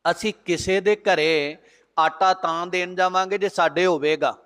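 A man's voice: high voice, steady tone, a bit bright, clean tone. Preaching man in a reverberant hall. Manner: preaching, quotes verses in a slow chant then explains. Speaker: head granthi. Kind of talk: Sikh scripture exposition (katha).

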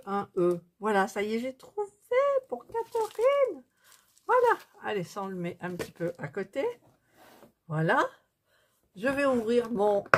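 A woman's voice: mid-range voice, a little mellow, a little hiss or hum. A woman chatting casually through a craft tutorial, thinking aloud as she works. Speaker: craft vlogger.

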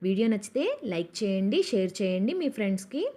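A woman teaching children to read, slowly spelling out each syllable and joining the sounds into whole words. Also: medium pitch, sing-song, warm tone. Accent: Telugu. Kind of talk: slow syllable-by-syllable reading lesson for children.

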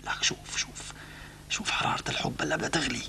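An actor playing a young adult brother who bickers and schemes in a hushed, whispered way. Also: male voice, fast, a little hiss or hum. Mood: hushed scheming. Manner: hushed, conspiratorial, often whispered. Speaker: comedy actor. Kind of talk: sitcom acting.

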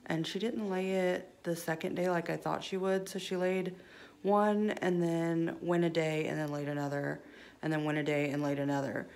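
Woman, low voice, gravelly, casual pet vlog chat, lots of fillers. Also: flat delivery, moderate pace, a little mellow. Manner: chatty, with frequent fillers and baby talk to her birds. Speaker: pet vlogger.

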